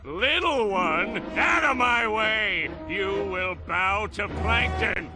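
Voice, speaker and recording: A man's voice: sits high, lively intonation, takes it slowly. A man voicing a tiny, megalomaniac plankton villain in a cartoon game, grandiose, indignant and blustering. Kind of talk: animated game cutscene acting. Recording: game music behind the voice.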